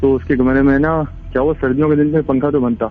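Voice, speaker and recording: A man's voice: mid-range voice, flat delivery, quick pace, faint music behind. A man calling in to tell a ghost story in a rambling, casual way, with many restarts. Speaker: caller. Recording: tinny phone line.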